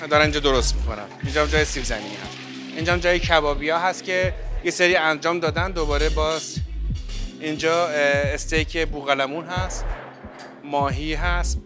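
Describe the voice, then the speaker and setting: Chatty man touring a hotel buffet. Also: a little high. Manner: chatty, addresses viewers as friends, many fillers. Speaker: hotel review vlogger. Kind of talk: walking tour commentary. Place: hotel buffet restaurant, indoors. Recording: background music under voice. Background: background music.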